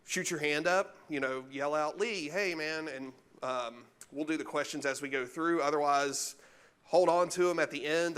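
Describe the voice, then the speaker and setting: A man speaks at a tech meetup in a chatty, self-deprecating way, joking with the people in the room. His allergies are acting up and he is chewing gum to keep from coughing. His voice sits at an ordinary middle pitch for a man. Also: fairly bright tone, clean tone. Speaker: guest speaker. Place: meetup room with a live audience.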